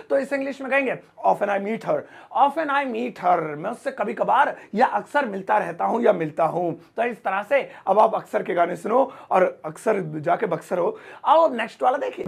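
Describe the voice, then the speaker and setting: A man's voice: high-pitched, gravelly, husky. A man teaching English words in a playful, chatty lesson, joking and acting out everyday example sentences. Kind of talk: playful Hindi vocabulary lesson.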